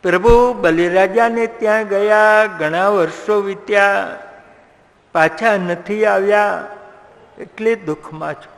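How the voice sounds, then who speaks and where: Man doing a tearful pleading goddess, high and slow, in an echoey hall. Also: gravelly, a bit bright, exaggerated voice. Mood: sorrowful. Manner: tearful, lamenting. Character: grieving goddess, a noble woman pleading.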